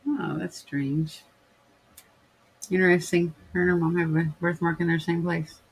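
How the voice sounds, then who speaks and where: A man hosting a casual podcast, talking in a rambling way full of fillers and clearing his throat now and then. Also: fairly high pitch, flat delivery, unhurried, rough recording. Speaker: podcast host. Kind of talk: casual chat, reading viewer comments.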